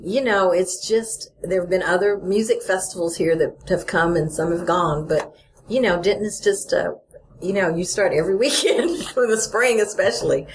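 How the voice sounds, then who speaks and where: A woman's voice: lowish voice, moderate pace. A middle-aged woman from Texas, a festival organizer talking casually in an interview, laughing often and saying "you know" a lot. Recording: faint background noise.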